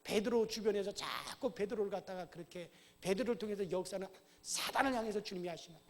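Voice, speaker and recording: A man preaching a sermon as pastor to his congregation in a church, often checking in with a quick "eh?" and rising into loud commands. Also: sits high. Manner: asks the congregation "어?" often, shouts commands at Satan. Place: church sanctuary. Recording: long church hall reverb.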